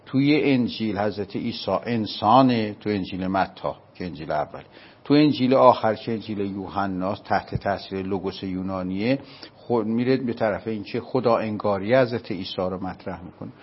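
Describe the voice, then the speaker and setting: Isfahani-accented male scholar, patient explainer, husky voice, muffled lo-fi sound. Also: fairly low pitch. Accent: Isfahani Persian. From Isfahan, Iran. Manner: patient, explaining step by step with checking questions. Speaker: religious scholar. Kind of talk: explanatory lecture in conversation.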